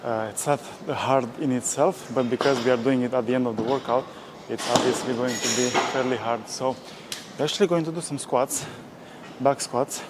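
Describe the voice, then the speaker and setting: In a very noisy gym, a fitness vlogger with a medium-pitched voice and moderate pace films his leg workout. Between sets he casually explains what he's doing and pushes himself on, sometimes out of breath.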